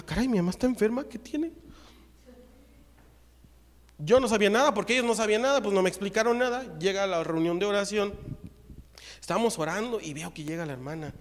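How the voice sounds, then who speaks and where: A man's voice: high voice, fast, long reverb tail. A man with a Mexican accent preaching a sermon, telling a personal testimony and acting out the dialogue. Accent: Mexican Spanish. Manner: lively storytelling, acts out the dialogue. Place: church.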